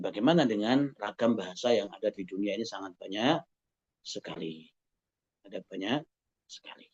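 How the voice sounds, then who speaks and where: A man's voice: mid-range voice, darkish tone. Man lecturing on a dull lo-fi recording. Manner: explains step by step, often adds a questioning "ya" and asks rhetorical questions. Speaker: university lecturer. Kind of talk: classroom lecture.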